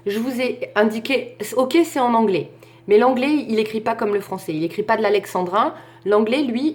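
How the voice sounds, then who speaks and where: In this recorded online lesson, a woman of medium pitch and a somewhat mellow voice teaches English poetry. Her explanations are unhurried, switching between French and English as she counts the stresses and beats aloud.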